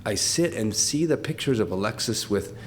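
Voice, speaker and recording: At a corporate tribute event, an older man with a lowish voice and lively intonation offers heartfelt off-the-cuff remarks. Emotional and close to tears, he speaks haltingly, restarts many times and laughs through it.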